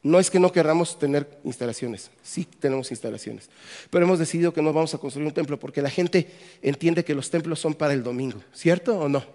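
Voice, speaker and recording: A man's voice: on the high side, a little fast, mellow. A Mexican man, a pastor, giving a conference sermon with a Mexican Spanish accent, joking and asking the audience questions. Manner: jokey, asks the audience questions. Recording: long hall reverb.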